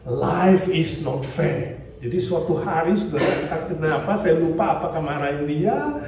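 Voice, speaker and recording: A male pastor preaching a sermon in a lively way, asking the congregation questions and mixing in English phrases. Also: fairly high pitch, normal speed. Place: church hall. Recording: distant mic in a very echoey church hall, faint noise.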